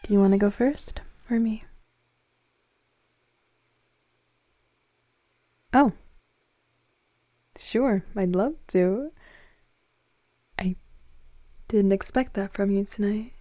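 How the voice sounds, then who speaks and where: In an intimate ASMR romance roleplay, a woman plays a gentle, flirtatious woman in her forties, speaking softly and unhurriedly in a breathy near-whisper. Her medium-pitched voice is lightly acted, with a shy, intimate mood and tender, hesitant flirting.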